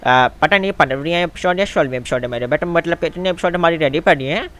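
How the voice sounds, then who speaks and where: A man hosting a game video, chatting casually and excitedly, calling his viewers "my son". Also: on the high side, fast. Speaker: gaming channel host. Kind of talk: casual game commentary and role-play.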